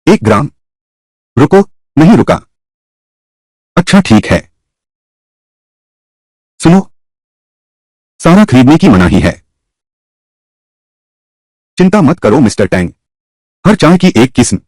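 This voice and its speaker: A man dubs a whole drama alone, voicing each role in turn. His voice is husky and his pitch swings widely between characters. The recording is dry and close. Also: very animated, takes it slowly, long pauses, a little mellow, dry recording. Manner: voices every character himself with shifting pitch. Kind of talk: single-voice dub of a drama.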